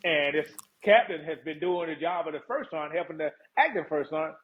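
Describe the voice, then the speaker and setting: A laid-back man telling stories from his years as a first sergeant, his voice a little high for a man. He laughs easily and keeps calling the listener "man." The sound comes through a thin, tinny line like a phone call. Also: lively intonation, fairly quick. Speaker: retired first sergeant, podcast guest. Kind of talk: casual interview talk.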